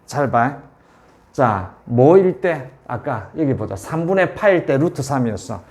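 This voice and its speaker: Slow-talking man teaching math. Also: medium pitch, sing-song, a little mellow. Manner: checks understanding constantly, repeats values. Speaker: math tutor. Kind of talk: whiteboard calculus lesson.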